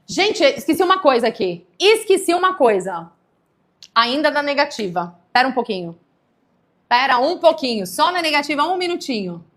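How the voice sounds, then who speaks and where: A woman's voice: high voice, very animated, normal speed, fairly bright tone. A woman from Brazil teaching English grammar in a live online lesson, explaining patiently and checking in with viewers often.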